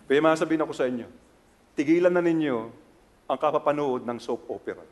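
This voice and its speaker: Lively high-voiced Filipino pastor preaching. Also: male voice, a little fast, a little hiss or hum. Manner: animated, acts out quotes with sharp jumps in pitch and loudness. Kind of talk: sermon.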